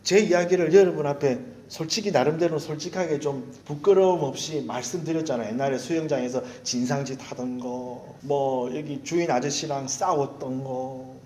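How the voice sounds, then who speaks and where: A male pastor preaching a sermon, telling candid, self-mocking stories in an animated way. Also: a little high, roomy sound.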